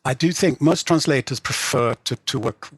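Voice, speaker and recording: A middle-aged English man, a translator and novelist, chats casually in an interview, halting with lots of restarts and "you know" fillers. His voice is medium in pitch, a little bright, with a breathy edge. The recording is clean studio sound with no echo.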